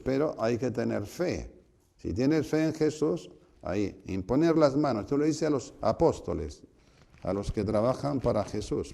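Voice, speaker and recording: A man, a priest, giving a spiritual retreat conference, telling stories and acting out voices with sudden shouts. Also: mid-range voice, gravelly. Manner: storytelling, acts out voices with loud shouts.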